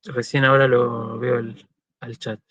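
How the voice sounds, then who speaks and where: A man's voice: mid-range voice, level tone, measured pace, a bit bright, dry recording. Argentine man lecturing online, dull audio. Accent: Argentine Spanish. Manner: explanatory, frequent "¿sí?" check-ins and "este" fillers. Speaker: university lecturer.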